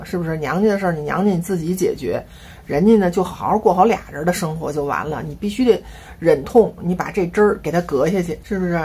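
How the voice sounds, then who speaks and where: A woman's voice: on the low side, breathy edge. A woman in her fifties with a Beijing accent, talking to her viewers in a chatty, rambling, confiding monologue. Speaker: family vlogger.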